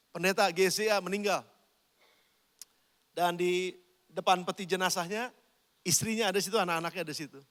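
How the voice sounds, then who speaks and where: A man's voice: high voice, fairly bright tone, smooth, in a large hall. A man preaching a sermon as pastor, talking conversationally and addressing the congregation directly. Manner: conversational preaching, addresses listeners as brothers and sisters.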